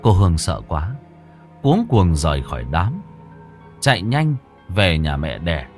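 A man narrating a ghost story in a suspenseful, expressive way. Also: deep voice, a little slow, faint music behind.

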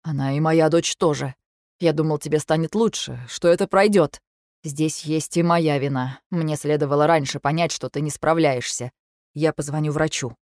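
A woman voicing a worried young husband who speaks softly, low and insistently. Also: steady tone, moderate pace, no room sound, studio quality, lightly acted. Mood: firm. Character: worried young husband, gentle but firm.

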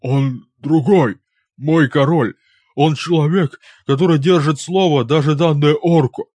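A man's voice: medium pitch, expressive, moderate pace, darkish tone, no room sound, lightly acted. Man putting on a stammering, trembling orc warrior. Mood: earnest. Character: frightened captured male orc warrior. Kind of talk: audiobook character voice.

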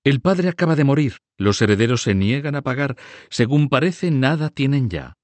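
A man voicing a cunning older banker who speaks smoothly and persuasively. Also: medium pitch, animated, normal speed, dry recording, voice pushed up, lightly acted. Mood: instructive. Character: cunning older Italian male banker, soft-spoken.

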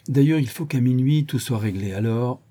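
A man's voice: medium pitch, moderate pace, warm tone, breathy edge, natural voice. A man voicing a drunk, mocking middle-aged villain who taunts his captive in an audiobook. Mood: mocking tipsy. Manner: sneering, jovial, taunting. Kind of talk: audiobook character voice.

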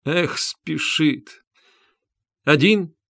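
A man's voice: a little high, drawn-out words, vocal fry, no echo, clean studio sound, heavily acted. A man voicing Porfiry, an irritable investigator. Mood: irritated interrogation. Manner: sharp, agitated, pressing. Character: Porfiry, irritable middle-aged male investigator.

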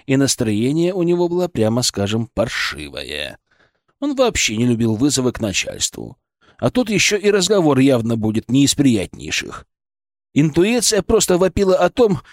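A man narrating an audiobook in an expressive, ironic storytelling manner. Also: a little high, no echo, studio quality. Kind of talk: scripted narration.

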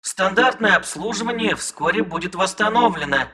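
A man voicing a soft, bureaucratic recorded police announcement. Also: sits high, animated, normal speed, pitched above the performer's own voice, heavily acted. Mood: bland.

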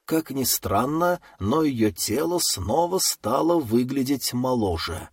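Male audiobook narrator; husky tone, animated pitch, dry studio sound. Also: slow, no room sound. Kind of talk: scripted narration.

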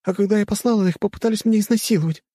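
A man reading an audiobook voicing a young woman student, defiant and flustered, with a high, breathless delivery and sharp outbursts. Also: racing, no echo, studio quality. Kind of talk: audiobook character voice.

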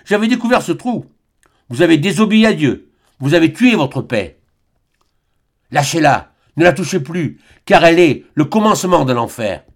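A man's voice: a little high, very animated, normal speed, vocal fry, voice pushed up, heavily acted. A man voicing a zealous, furious friar who condemns in a thundering voice. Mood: condemning.

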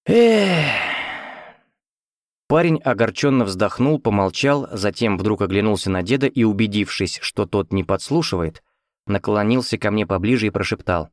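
A man narrating an audiobook in the first person, measured, playing the hero's hoarse replies in his own voice. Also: on the low side, dry recording, studio quality.

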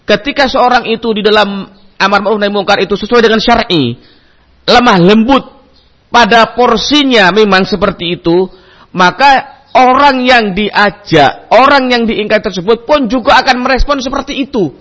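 A man's voice: high-pitched, normal speed. A man teaching a religious study lecture, quoting Arabic texts and explaining them in a chatty way with fillers. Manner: animated storytelling with acted-out voices; frequent conversational fillers like "naam" and "gitu loh".

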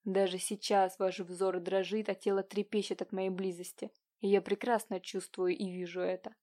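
A woman voicing a passionate, bitter young peasant man in an audiobook, speaking low and hushed with intensity. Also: brisk, natural voice. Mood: menacing.

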